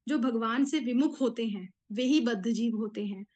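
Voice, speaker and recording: A woman giving a devotional discourse, explaining at a measured pace with frequent pauses and fillers. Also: a little high, a little mellow, muffled recording. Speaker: spiritual speaker.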